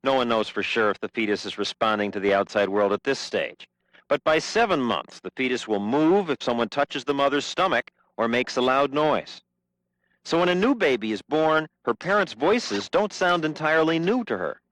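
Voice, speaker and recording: A man narrating a TV news report in a measured, explanatory way. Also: mid-range voice, animated, a bit bright, no echo, poor audio.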